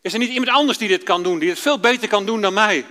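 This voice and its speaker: A man's voice: high-pitched, fast talker, pushed and bright, long reverb tail. A man voicing a timid old male prophet who stammers and repeats his words as he pleads that he is not fit for the task. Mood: anxious.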